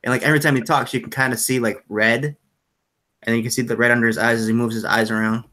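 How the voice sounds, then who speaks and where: A man's voice: mid-range voice, little pitch movement, fast, bright, forceful tone. A man running a tabletop game as game master over a video call, describing scenes loosely with lots of fillers.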